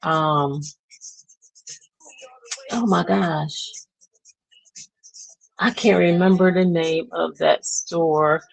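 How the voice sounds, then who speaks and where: Low, slow, gravelly woman in her thirties. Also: low-quality recording. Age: 30s. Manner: chatty and rambling, trails off searching for words. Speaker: beauty vlogger. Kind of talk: casual chat to camera.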